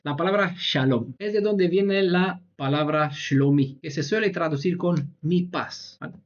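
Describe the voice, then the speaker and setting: A man's voice: a little high, highs cut off. A man giving an explanatory Bible lesson, patiently spelling out letters and checking in with his listeners as he goes. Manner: spells out Hebrew letters slowly, with short laughs. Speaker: Bible teacher.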